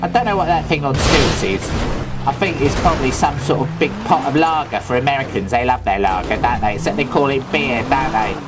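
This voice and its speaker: A man with a London Cockney accent playing a loveable, daft, thieving Cockney man in comedic gameplay commentary, rambling in chatty, absurd deadpan asides. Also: mid-range voice, fairly quick, loud music behind the voice, lightly acted. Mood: cheeky.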